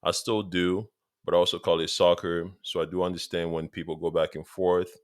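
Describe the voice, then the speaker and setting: A Congolese football vlogger in his thirties speaks straight to his viewers, casual and eager, repeating points for emphasis. His low voice holds a level tone at a brisk, smooth clip. The recording is dry and studio quality, and he has a Congolese accent.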